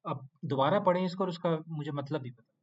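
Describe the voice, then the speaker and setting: A man's voice: fairly high pitch, fairly quick, dull audio. A man teaching an online Quranic Arabic class, quizzing students with short prompts and playfully scolding them to do their homework.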